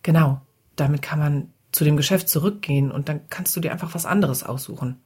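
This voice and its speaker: A woman telling a children's story in a relaxed, chatty way, now and then talking straight to her young listeners. Her voice sits low and carries a very husky, breathy grain throughout. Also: a little fast. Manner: chatty, addresses listeners directly. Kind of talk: casual children's story narration.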